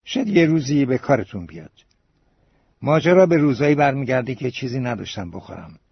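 For an audiobook, a male narrator with a mid-range, gravelly voice and a breathy edge plays a boastful young man spinning a tale to a café crowd. His address is grandiose and theatrical, and the dull lo-fi recording has no room sound.

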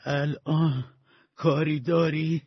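Guy doing a dying old man stuck in bed, bitter n worn out, raspy gravelly voice, dull lo-fi sound. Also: fairly high pitch, steady tone, no room sound. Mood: weary. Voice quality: gravelly, husky. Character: dying older man, bedridden, bitter and weary. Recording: dull lo-fi dry recording.

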